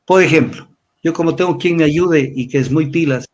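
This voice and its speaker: A man's voice: a little high, moderate pace, a little mellow, highs cut off. An older man from Ecuador giving a lecturing weekly commentary, repeating himself and spelling out letters. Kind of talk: weekly analysis talk.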